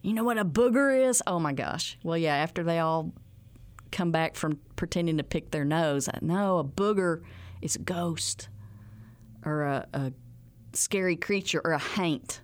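A woman's voice: deep voice, steady tone, a little slow, no echo. Folksy woman with an Ozark hill twang. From Ozarks, Arkansas. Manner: folksy, uses homespun rural expressions. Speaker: museum outreach coordinator and dialect expert. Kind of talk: informal interview talk about folk dialect.

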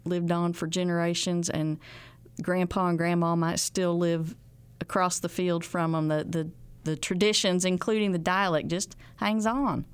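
A woman's voice: on the low side, level tone, moderate pace, clean tone, dry recording. Folksy woman with an Ozark hill twang. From Ozarks, Arkansas. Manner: folksy, uses homespun rural expressions. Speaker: museum outreach coordinator and dialect expert. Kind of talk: informal interview talk about folk dialect.

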